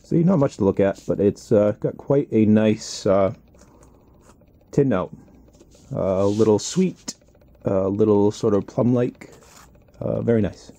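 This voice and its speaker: A man giving a casual product review as a pipe tobacco reviewer, talking in a halting, deliberate, thoughtful way. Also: lowish voice, vocal fry, dark tone.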